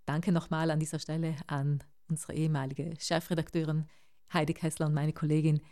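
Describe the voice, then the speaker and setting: A woman hosting a radio interview and asking calm, measured questions. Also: deep voice.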